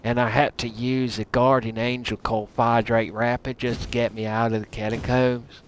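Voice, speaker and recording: Faking a heavy Texan drawl, this UK livestreamer rambles through jokey, hammy game commentary in a mid-range voice, level in tone and at normal speed. Battle noise from the game fills the noisy background.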